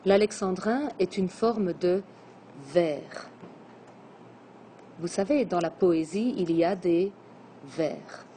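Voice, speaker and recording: A woman teacher giving a lesson on poetry, counting out syllables slowly and deliberately. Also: fairly low pitch, dark tone, a little hiss or hum. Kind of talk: classroom lesson on verse.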